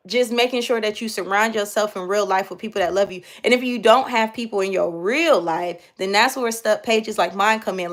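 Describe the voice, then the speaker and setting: A young woman, chatting casually on a live stream, reading comments and talking straight to her viewers in slangy speech. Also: mid-range voice. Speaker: livestream host.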